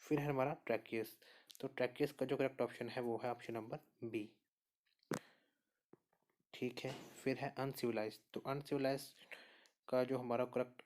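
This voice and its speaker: Male teacher, mid-pitched, steady and patient, talks through each answer and repeats the key points. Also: normal speed, long pauses. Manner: steady explainer, repeats answers and says "okay" often. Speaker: exam prep teacher. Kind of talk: spoken lesson walking through quiz answers.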